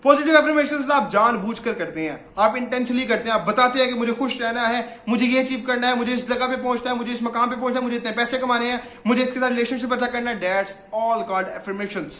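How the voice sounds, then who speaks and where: A man coaching listeners in a motivational self-help talk, slipping English phrases into his speech as he guides them through affirmations. His voice sits very high and sounds bright and forceful. The room around him rings with a noticeable echo. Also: hardly any pauses. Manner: mixes English phrases into Urdu.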